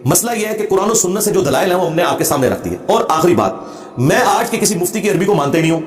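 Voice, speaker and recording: Male religious lecturer, combative and emphatic, fast delivery, roomy echo. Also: high-pitched, lively intonation. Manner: emphatic and combative, demonstrates Arabic recitation. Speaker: religious speaker. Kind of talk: lecture answering a question.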